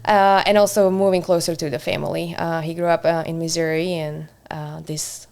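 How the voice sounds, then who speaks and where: A woman, a podcast guest who chats in a friendly way, laughs easily and often pauses on "uh". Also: low-pitched, flat delivery, creaky, darkish tone. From Slovakia. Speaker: podcast guest, community center director. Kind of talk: casual interview chat.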